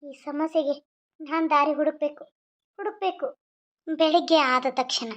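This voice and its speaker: A woman's voice: high-pitched, normal speed, lightly acted. A woman voicing an anxious but caring young newlywed queen in a cartoon, fretting to herself and coaxing her husband. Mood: worried. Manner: frets in whispered-style asides, coaxing to her husband. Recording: dull lo-fi audio.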